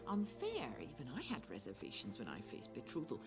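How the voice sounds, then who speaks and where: An actress voicing a poised, dignified queen and mother, who speaks in a measured, composed way, on a film soundtrack with music behind. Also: a bass voice, wildly swooping pitch, exaggerated voice.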